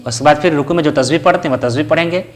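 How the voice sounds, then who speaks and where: Man explaining prayer steps slowly. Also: a little high. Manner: asks the listener questions, then answers them himself; recites short Arabic prayer phrases within the explanation. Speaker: religious teacher. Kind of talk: step-by-step spoken lesson.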